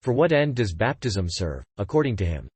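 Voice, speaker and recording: A man with a somewhat low, husky voice reads a scripted text aloud. His delivery is measured and declamatory, leaning into rhetorical questions and exclamations. The sound is close and dry, with no room around it. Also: sing-song, no echo. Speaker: reader. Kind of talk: scripted reading.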